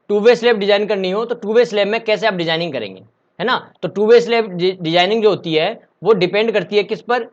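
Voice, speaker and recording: A man teaching civil engineering in a casual online lecture, asking and answering his own questions. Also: high voice. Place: home room during a power cut. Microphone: laptop. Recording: slightly dull lo-fi audio.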